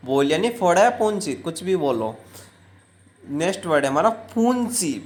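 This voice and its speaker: A vocabulary teacher giving a word-by-word lesson in a steady, repetitive way, slowing down to repeat each word and its meaning. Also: medium pitch.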